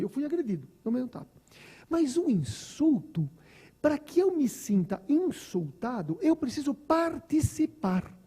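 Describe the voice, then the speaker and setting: A man's voice: very high voice, warm tone, husky. A Brazilian man, a doctor, giving a conversational spiritist lecture full of stories, asides and repeated words. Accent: Brazilian Portuguese.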